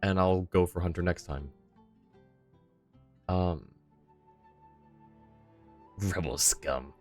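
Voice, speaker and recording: This tired streamer has a low voice and draws out his words, with soft music in the background. It's late at night and he chats relaxedly about the game, mumbling and reading its text aloud.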